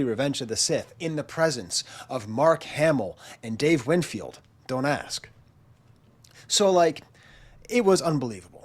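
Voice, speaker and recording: A channel host in his forties speaks in a fairly high, nasal voice, congested from a chest cold. He chats through a self-mocking story in a casual monologue, acting out the quotes.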